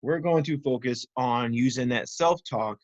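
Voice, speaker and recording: A man's voice: mid-range voice, unhurried, no echo, highs cut off. A man teaching young children in simple, instructive phrases, often checking in with short questions. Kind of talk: simple interactive children's lesson.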